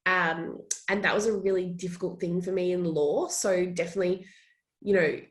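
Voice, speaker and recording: A woman's voice: on the low side, steady tone, moderate pace. A young woman from Australia, a social media manager, chatting in a casual interview and laughing often.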